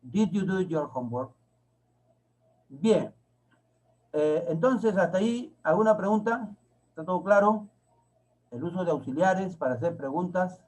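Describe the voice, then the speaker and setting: A man's voice: high voice, lively intonation, darkish tone, poor audio. A man from Peru, teaching an English grammar lesson and repeating example sentences word by word. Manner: slow, repeats and spells out each word of examples.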